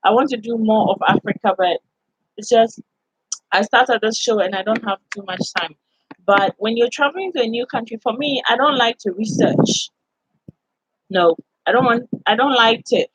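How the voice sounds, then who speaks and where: A woman's voice: fairly high pitch, normal speed, slightly rough, rough recording. A woman from Ghana with a Ghanaian accent hosts a casual live-stream chat, answering viewers in a chatty, inviting way and filling her talk with "like" and "you know.".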